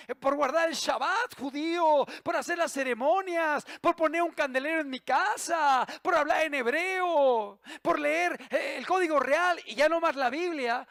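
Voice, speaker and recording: Male pastor, very high gravelly voice, fervent sermon, dry close sound. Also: no room sound. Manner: impassioned preaching, swings from loud emphasis to hushed low asides.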